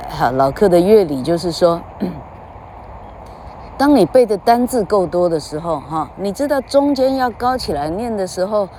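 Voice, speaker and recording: A woman's voice: on the low side, big pitch swings, measured pace, mellow, a little hiss or hum. A woman giving a comedic mock English lesson, lecturing and singing out long drawn vowels. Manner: lecturing, sings out drawn vowels, tags lines with "哈".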